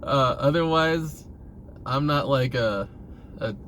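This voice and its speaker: A male vlogger talks about himself in a loose, profane, informal ramble, letting out the occasional chuckle. His mid-range voice is a bit bright and he takes his time, while vehicle-like ambient noise comes through clearly.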